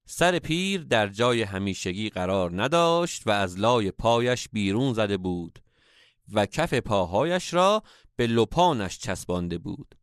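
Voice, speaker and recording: A man's voice: fairly low pitch, big pitch swings, clear, resonant tone, no echo. A man narrating a comic story in a dry, mock-formal storytelling manner.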